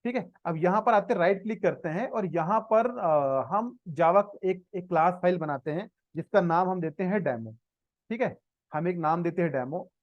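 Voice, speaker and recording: A man's voice: sits high, normal speed, no echo. A man with an Indian accent teaching a live programming class, mixing Hindi and English and checking in with students. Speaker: programming instructor. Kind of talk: live coding lesson. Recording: dry, slightly dull online class audio.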